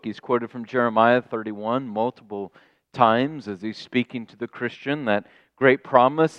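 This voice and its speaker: A middle-aged man preaching a sermon, reading scripture and stressing points with long, deliberate pauses. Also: a little high, fairly bright tone, smooth, dry recording, dull audio. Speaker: pastor.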